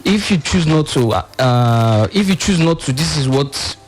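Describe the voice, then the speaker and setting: On this low-quality recording, with soft music playing in the background, a Nigerian-accented man serves as a radio panel guest and monitoring and evaluation officer. His slightly high voice has lively intonation and a measured pace, and his explanations come out hesitant, with phrases frequently repeated.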